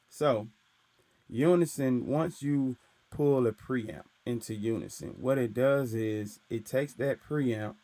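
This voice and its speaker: A deep-voiced, slightly mellow young man, a recording engineer, loosely explains recording gear in a casual tutorial walkthrough. He speaks into his studio mic through his interface with no echo, peppering his points with "right?" and "uh".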